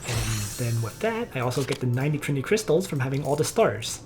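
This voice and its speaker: A woman with a low voice gives casual gameplay commentary, talking through each move step by step. Her delivery is relaxed yet lively in pitch. Faint game music plays behind her. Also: fast talker. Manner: relaxed, explains strategy step by step. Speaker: game video player.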